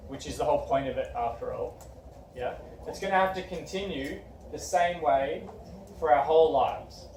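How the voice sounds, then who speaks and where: A man's voice: on the high side, darkish tone. Young male teacher, encouraging, classroom talk, distant mic, faint background noise. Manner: encouraging, asks questions. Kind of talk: classroom discussion. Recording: echoey room from far off, faint background noise.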